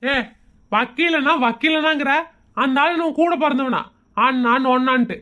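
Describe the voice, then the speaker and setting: Comedy skit: man as sarcastic, fed-up husband, high-pitched voice, Kongu Tamil accent, argumentative and mocking. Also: a little slow, bright, forceful tone, heavily acted. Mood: scolding. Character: exasperated, sarcastic husband who mocks everyone around him.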